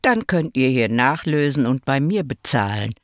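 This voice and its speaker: Woman doing a gruff train conductor. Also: rumbling low, expressive, normal speed, no echo, studio quality. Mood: stern. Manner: stern, impatient.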